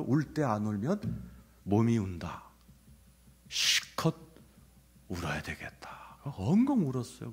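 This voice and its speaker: A middle-aged man preaching a sermon with personal testimony, telling his story with animated, acted-out scenes. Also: fairly high pitch, breathy edge. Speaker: pastor.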